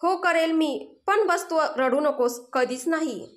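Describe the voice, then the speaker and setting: A woman's voice: sits high, slow pace, pitched above the performer's own voice. A woman voicing a fragile, grieving young woman who pleads through tears and stammers over her words in a story reading. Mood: tearful pleading. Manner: tearful, pleading, stammering repeats. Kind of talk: Marathi audio story dialogue.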